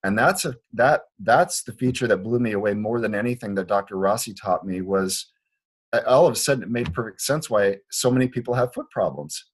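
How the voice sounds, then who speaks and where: Guy from liberia talking feet in an interview, low-ish husky voice, keeps restarting sentences. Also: lively intonation, brisk. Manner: earnest, explanatory, with frequent restarts. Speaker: foot doctor guest. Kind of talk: conversational interview. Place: Portland, Oregon clinic.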